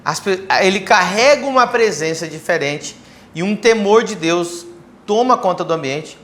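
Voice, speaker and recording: A man's voice: sits high, expressive, moderate pace, fairly bright tone. A man pastor on a church livestream, enthusiastically promoting an event and talking at length. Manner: enthusiastic promoter, talks a lot.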